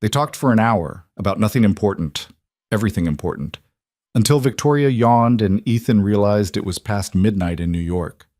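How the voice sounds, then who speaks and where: A man narrating a romantic story in a measured, even storytelling style. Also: on the low side, no echo, studio quality. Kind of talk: scripted narration.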